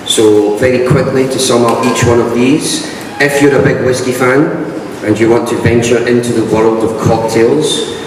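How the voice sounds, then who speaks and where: Scottish man addressing an echoey hall. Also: mid-range voice. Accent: broad Scottish. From Scotland. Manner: informal, self-deprecating, joking. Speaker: whisky brand ambassador, event host. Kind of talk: live promotional speech to an audience. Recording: echoey hall, distant mic, noisy room.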